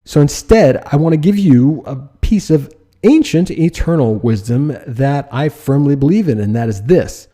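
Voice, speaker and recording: A man's voice: a little high, animated, moderate pace, warm tone. A man teaching design in a direct lecture style, asking rhetorical questions and using mild sarcasm. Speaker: design instructor.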